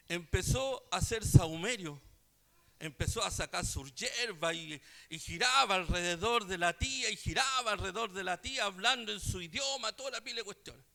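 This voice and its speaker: A male preacher telling a story in a sermon, swinging between quiet asides and loud exclamations. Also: high-pitched, creaky.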